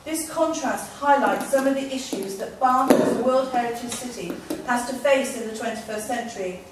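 An Englishwoman standing for Parliament reads a prepared opening statement at a public meeting, occasionally hesitating. Her voice is fairly high and her pace normal. A distant room camera picks her up in an echoey meeting room with an audience and a noisy background.

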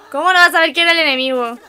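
A woman's voice: very high-pitched, sharp tone. A young woman with a Chilean accent giving casual reaction commentary as an anime reaction host, exclaiming and making sympathetic asides to her viewers. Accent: Chilean Spanish.

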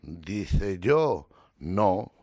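Slow, low-voiced man telling a deadpan joke. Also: dry recording, clean studio sound. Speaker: joke teller. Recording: clear clicking noises behind.

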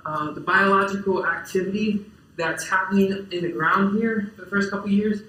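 A man's voice: high-pitched, fairly even intonation, normal speed, sharp tone, a little hiss or hum. A young man giving a casual farming presentation in a lecture hall, often saying "uh" and "um" and restarting his sentences. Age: young adult. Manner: casual, many fillers and restarts. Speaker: farmer giving a talk. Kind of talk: conference presentation. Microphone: distant camera in the audience. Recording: roomy lecture hall echo.

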